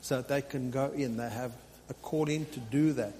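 A mellow, medium-pitched voice belongs to a pastor speaking at a moderate pace. He exhorts his congregation in a spontaneous teaching style, repeating phrases for emphasis. The large hall adds reverb, and a faint hum and noise sit underneath.

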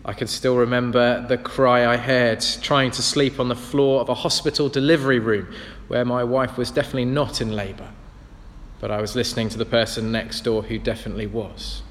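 A man's voice: medium pitch, a bit bright. A man preaching a sermon, earnest and reflective as he tells stories. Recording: long reverb of a large hall.

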